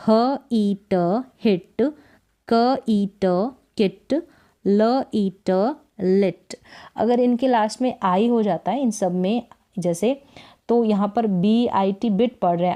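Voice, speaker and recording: Hindi-accented woman teacher, unhurried phonics drill, soft warm tone, repeats each word. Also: mid-range voice. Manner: spells words out slowly, sound by sound, asks and repeats. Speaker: English reading teacher. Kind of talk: slow phonics lesson, sounding out letters.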